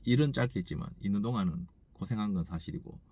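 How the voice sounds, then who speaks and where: A man who runs a store, talking through a reflective morning monologue, halting and thinking aloud with many restarts, growing emphatic when he makes his point. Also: lowish voice, warm tone, husky. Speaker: store owner.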